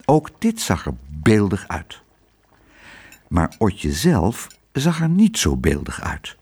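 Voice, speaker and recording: A man reads a children's story aloud in an expressive way. His pitch rises and falls widely, and he takes his time. The voice has a soft, husky grain. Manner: expressive, unhurried. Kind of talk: storybook reading.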